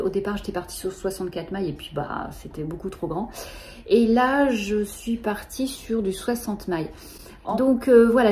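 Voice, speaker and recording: A middle-aged woman, hosting a knitting show in a casual, halting way with many fillers. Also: mid-range voice, warm tone. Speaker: knitting podcast host.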